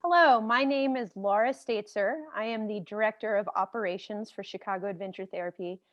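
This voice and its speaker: A woman's voice: mid-range voice, a little fast, dry recording, dull audio. A woman, director of operations, gives an upbeat welcome address.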